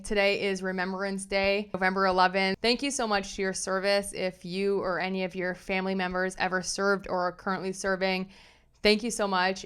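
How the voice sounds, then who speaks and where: A young adult woman hosting a casual commentary vlog, chatty and animated as she reads messages aloud and reacts to them. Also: medium pitch, smooth. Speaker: pop culture commentary host.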